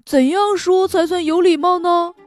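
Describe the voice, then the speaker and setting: A woman's voice: high-pitched, normal speed, soft background music, pitched above the performer's own voice, natural voice. A woman voicing an anxious little male gnome who swings from tearful to eager in a children's storybook. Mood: excited. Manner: loud, emphatic, fretful. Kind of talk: storybook read-aloud for children.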